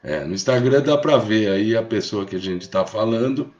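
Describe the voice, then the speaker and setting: Dull, lo-fi audio carries a live stream from a Brazilian host born in Rio de Janeiro. He talks at normal speed in a lowish, darkish voice, staying casual and reassuring while checking in with short tag questions.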